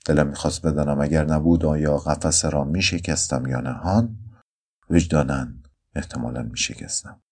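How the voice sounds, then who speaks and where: A man reading a story aloud in a somber, measured first-person narration. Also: rumbling low, a little mellow, slightly rough. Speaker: audiobook narrator.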